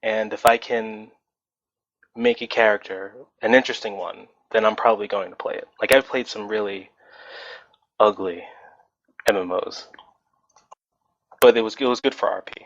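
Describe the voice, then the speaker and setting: On a podcast, a man in his twenties talks at normal speed in a low-ish voice, leaving long pauses. He rambles comfortably with many fillers, and the recording is dry, dull lo-fi voice chat without room sound.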